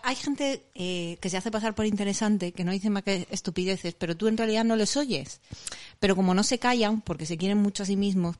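A woman's voice: mid-range voice, a little mellow. A woman with a Spain Spanish accent, chatting frankly and teasingly as a podcast co-host. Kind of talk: casual chat.

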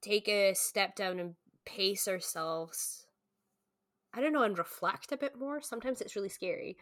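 A woman in her late twenties co-hosts a podcast, casually chatting about books in a book-club style, sprinkling in "like" and some mild swearing. Her medium-pitched voice is a bit bright and moves at normal speed, captured in clean studio sound without room echo.

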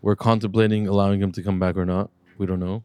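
A man hosting a casual podcast interview, relaxed and rambling, with a teasing edge. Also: sits low, fast talker, clear, resonant tone, no echo. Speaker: podcast host.

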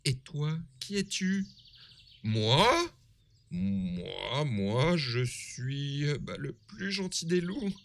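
A big bad wolf who brags and swaggers, his gravelly voice full of self-satisfaction, as a man reading a storybook puts him on. The delivery is slow and bright, with a pitch that swings widely. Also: very animated, full character voice. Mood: flustered.

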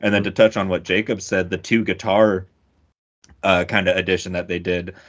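A young man co-hosting a music podcast, talking excitedly, swearing often and tripping over his words in casual chat. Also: low voice, normal speed. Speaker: podcast co-host.

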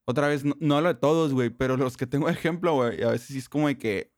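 A man's voice: mid-range voice, quick pace, no room sound, clean studio sound. A young man with a northern Mexican accent, chatting casually in profane street slang as an interview guest. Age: young adult.

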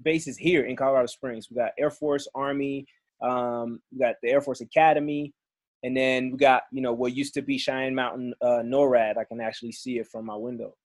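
A man's voice: mid-range voice, steady tone, moderate pace, no room sound, clean studio sound. Easygoing man. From Belgium and Congo. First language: French. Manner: friendly, easygoing storytelling. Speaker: guest musician. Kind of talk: casual podcast chat.

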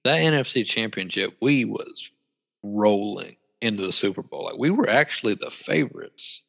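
A man talks sports in a tense, bright voice with gravelly fry, pitched a little low. He is emphatic and blunt, swearing and exaggerating freely. A long roomy echo trails his words. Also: expressive, moderate pace. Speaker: podcast co-host. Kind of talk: casual sports chat.

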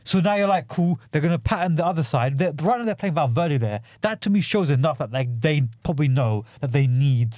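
A man's voice: on the high side, expressive, a little fast, hardly any pauses, a little mellow, no echo. A young man with a London roadman accent, chatting about football in a slangy, insistent way. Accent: London roadman, multicultural urban slang. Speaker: football podcast co-host. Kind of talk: casual football banter.

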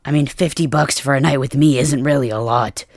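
A performer voicing a brash, cocky adult man who is caring underneath, in a soft-spoken whispered role-play with mild cursing. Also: medium pitch, fairly even intonation, fairly quick, no echo, clean studio sound, close to an everyday voice. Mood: defensive.

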